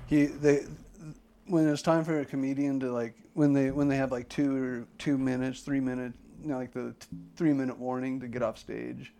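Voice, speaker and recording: A man's voice: mid-range voice, little pitch movement, normal speed, vocal fry, mellow, faint music behind. A man co-hosting a podcast, chatting casually and rambling, with plenty of "like" and swearing. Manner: rambling, loose, with lots of "like" and swearing. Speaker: podcast co-host. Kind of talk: casual chat.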